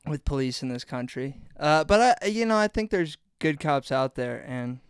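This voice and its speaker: A man appearing as a guest on a casual podcast, talking hesitantly with halting restarts. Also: a little high, animated, clean tone, no room sound, studio quality.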